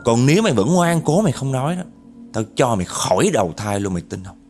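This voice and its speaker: A man voicing a calm, stern male exorcist who speaks with firm, threatening commands. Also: mid-range voice, fast talker, faint music behind.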